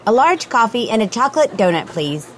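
Woman playing a café customer, polite, learner dialogue, animated intonation, faint background ambience. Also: fairly high pitch, moderate pace, a little hiss or hum. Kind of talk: recorded dialogue for language learners.

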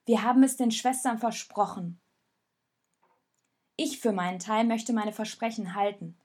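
A woman voicing a young girl who urgently pleads with her friends to hold together, in a storybook reading with a breathy voice. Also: fairly high pitch, a little slow, a little mellow. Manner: urgent, pleading then firm. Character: girl named Rosa, young, determined peacemaker.

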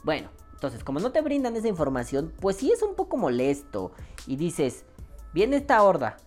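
A woman's voice: low-pitched, huge pitch swings, moderate pace, dark tone, soft background music. A woman with a Mexican accent, a vaping vlogger in a casual, profane rant who swears freely and acts out the voices she quotes.

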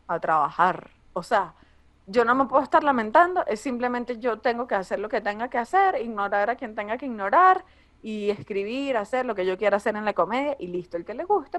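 A young woman comedian with a Venezuelan accent talks in an easy, conversational way. Her voice sits a little high, and she is blunt, profane and quick with asides. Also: animated. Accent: Venezuelan Spanish. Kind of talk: casual podcast conversation.

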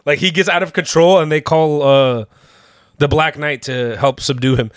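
A young man co-hosting a podcast in casual chat, excited and slangy, laughing often. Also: on the high side, a little slow, no echo, clean studio sound. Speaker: podcast co-host.

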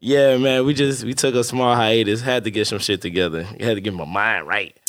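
A man's voice: lowish voice, steady tone, normal speed, fairly bright tone, no room sound, clean studio sound. A man co-hosting a casual podcast chat, sounding slightly nasal from a cold, laid-back and profane, laughing often. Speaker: podcast co-host.

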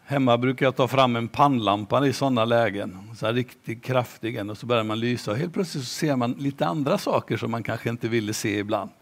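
Male preacher, slow and emphatic, goes almost to a whisper sometimes, mid-pitched. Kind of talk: sermon.

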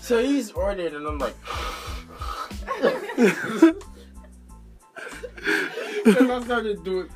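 A man's voice: sits high, drawn-out words, long pauses, over music. A young man telling a workplace story in casual chat, laughing through it. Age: young adult. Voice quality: laughs through his stories, animated.

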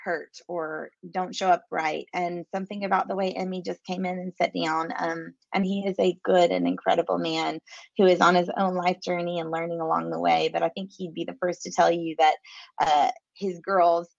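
A woman guest in an interview, an adoptive mother speaking warmly and reflectively. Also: lowish voice, little pitch movement, gravelly, no echo. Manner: warm, reflective, slow and searching. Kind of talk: conversational interview. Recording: slightly dull lo-fi sound.

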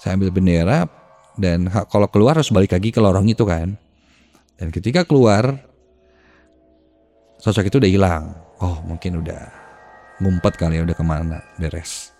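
Deep, dark-voiced man telling ghost tales. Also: moderate pace, pauses often. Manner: hushed, suspenseful, dropping to near-whispers. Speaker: podcast host. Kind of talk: storytelling a ghost encounter. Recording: faint music behind the voice.

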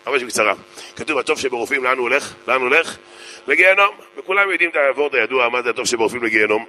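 A man gives a sermon with jokes and stories. His voice is strikingly bright and sharp, and he hammers his points home by repeating them. His pitch sits in an ordinary male middle. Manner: joking storyteller, repeats phrases for emphasis. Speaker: rabbi. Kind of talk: humorous sermon.

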